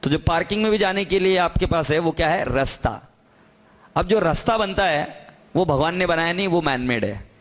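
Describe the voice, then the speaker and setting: Man, accounting teacher, high voice, lively classroom lecture, keeps quizzing students. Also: moderate pace. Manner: lively, coaxing questions to students.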